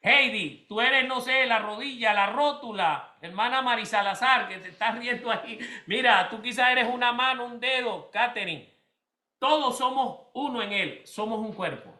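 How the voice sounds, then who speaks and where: Male pastor, high and very bright voice, chatty preaching style, roomy echo. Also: normal speed. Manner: conversational preaching, addresses congregation by name. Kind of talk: sermon.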